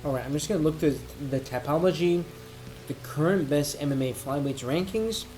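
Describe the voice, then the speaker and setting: A man with a slightly high voice delivers a loose, tipsy sports rant. He rambles haltingly and thinks out loud as he goes. Faint music and a rain-like sound sit behind him. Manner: drinking while ranting, tipsy rambling. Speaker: MMA commentator giving opinions. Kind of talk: casual off-the-cuff rant.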